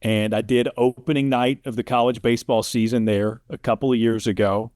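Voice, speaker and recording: Brisk and fairly even in intonation, this medium-pitched, darkish male voice belongs to a sports announcer telling casual stories as an interview guest while regularly checking in with the listener. The recording is dry and of studio quality.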